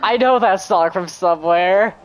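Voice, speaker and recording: A woman's voice: mid-range voice, moderate pace. A woman streaming a game, chatting casually and teasing her friend. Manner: teasing, playful banter. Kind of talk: casual gaming chat.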